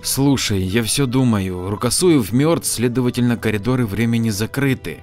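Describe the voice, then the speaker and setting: A man's voice: medium pitch, moderate pace, darkish tone, faint music behind, natural voice. A man voicing a blunt, determined young officer who speaks plainly. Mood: thoughtful.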